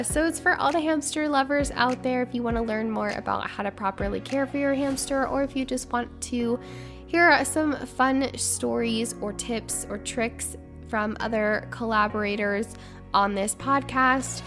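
This podcast host has a slightly high, somewhat bright voice. Still getting over the flu, she sounds a bit stuffy, yet she stays chatty and upbeat, wandering through her stories on a casual show.

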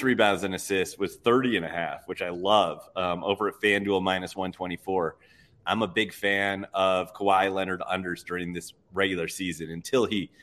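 A sports bettor guest chats casually on a live betting show, going over his picks in an upbeat, easygoing manner. His voice is lowish and a bit bright.

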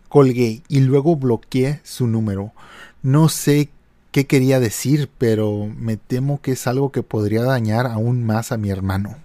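A man hosts a podcast, reading online posts aloud and then chatting about them. His voice sits at a mid pitch, and his talk is loose and conversational, full of small hesitations. The recording is close and dry, with no room sound. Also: dark tone, no room sound. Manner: conversational, hesitant fillers while commenting. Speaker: podcast host.

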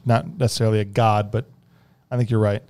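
A man's voice: on the low side, level tone, brisk, a little mellow, clean tone. A man hosting a casual movie discussion in a conversational, jokey way. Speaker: podcast host.

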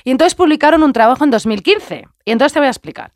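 A woman's voice: sits high, lively intonation, fast, dry recording, clean studio sound. A young woman co-hosting a casual podcast chat, rambling and playful, tripping over words and repeating herself. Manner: rambling, playful, giggly, tongue-tied repetitions. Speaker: podcast co-host.

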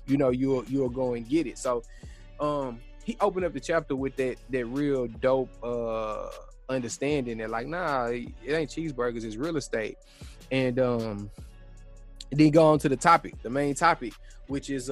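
Slangy man chatting casually, music behind. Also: mid-range voice. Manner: slangy, conversational, retells stories in quoted dialogue. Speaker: podcast co-host. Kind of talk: casual book discussion.

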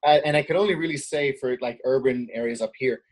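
A man from Queens, New York, appears as a guest on a political talk show, chatting casually with lots of filler words and growing indignation. His voice is medium in pitch and he talks fast.

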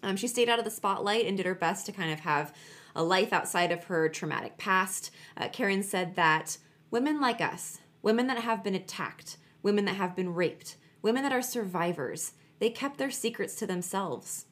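A woman's voice: medium pitch, lively intonation, normal speed, fairly bright tone. A woman co-hosting a podcast, telling true crime stories in a chatty, emphatic way and repeating words for stress. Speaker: podcast co-host.

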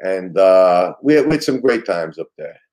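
A man's voice: low voice, expressive, normal speed, a little mellow. An older or middle-aged man with a Brooklyn accent, casually reminiscing as an interview guest in a streetwise, loosely phrased way. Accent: Brooklyn New York. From Brooklyn, New York. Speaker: interview guest, retired police detective.

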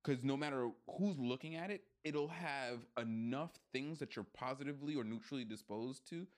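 A man co-hosting a podcast in casual chat, blunt, profane and animated, joking as he goes. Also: mid-range voice, normal speed. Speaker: podcast co-host.

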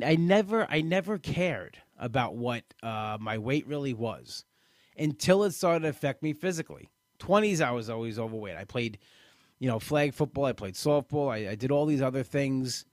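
This late-thirties man, a member of a weight-loss program, gives a candid personal testimonial, tripping over his words, repeating himself and restarting sentences often. His mid-pitched voice has lively intonation, and the close, dry recording carries no echo or room sound.

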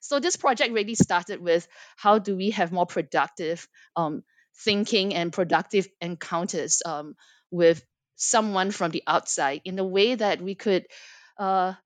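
A Singaporean author in her forties answers academic interview questions thoughtfully as a guest, her voice on the low side and her pace measured. She says "um" a lot and often restarts. There's no room sound.

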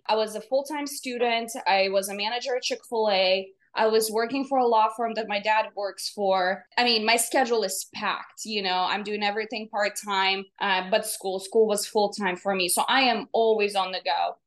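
A woman's voice: mid-range voice, steady tone, moderate pace, few pauses, fairly bright tone. A young woman with a Russian accent, telling a personal story in a chatty, detailed, conversational way as a podcast guest. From from Russia or nearby Europe, moved to the United States.

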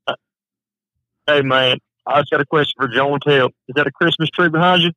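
A man's voice: a little high, brisk, bright, forceful tone, no room sound, low-quality recording. A man from Alabama calling into a live podcast, speaking with a thick Southern Alabama accent and a joking, teasing manner. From Alabama, USA. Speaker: caller. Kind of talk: casual call-in banter.

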